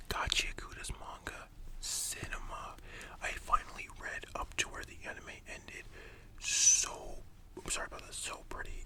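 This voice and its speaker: A person in a whispered role-play as a chatty, enthusiastic library worker, speaking in a soft, breathy library whisper with a casual, gushing manner. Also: natural voice. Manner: hushed, casual, gushing, conversational.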